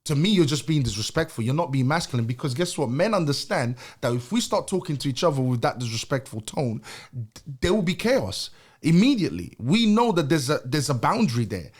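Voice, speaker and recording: A man's voice: fairly high pitch, big pitch swings, a little fast, slightly rough. A young adult man co-hosting a podcast, arguing his point emphatically in casual chat, repeating himself and laughing between points. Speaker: podcast co-host.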